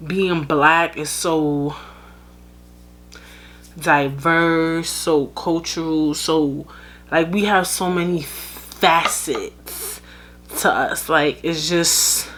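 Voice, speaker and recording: Her voice is low-pitched and slow yet fairly bright: a young woman from the United States hosting a podcast alone. The commentary is casual and candid, padded with many fillers and side remarks.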